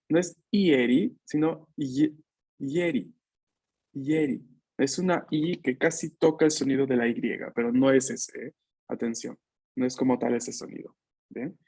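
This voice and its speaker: A man whose voice sits on the high side and is a little mellow teaches Italian online to Spanish speakers via video call from his home. He's patient, checks in with students frequently and uses repeat-after-me drills.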